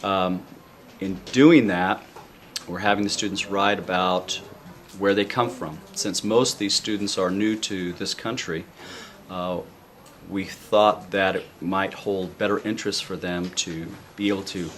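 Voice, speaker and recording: A male middle school teacher explaining a summer program, speaking haltingly with many filler sounds. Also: low voice, steady tone. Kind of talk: casual explanation to camera. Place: busy school classroom. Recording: noisy classroom with chatter behind. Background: chatter of students.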